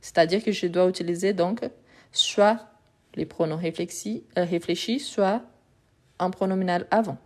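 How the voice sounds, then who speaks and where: Patient woman teacher, Portuguese native, lower voice, methodical live lesson with repeated examples. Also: normal speed. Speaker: French teacher.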